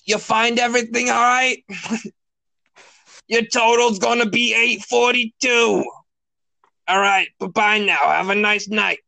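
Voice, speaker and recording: A man doing a sugary high-voiced girl cashier. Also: steady tone, slow, creaky, pauses often, bright, forceful tone, no room sound, full character voice, rough recording. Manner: overly sweet customer-service chirp.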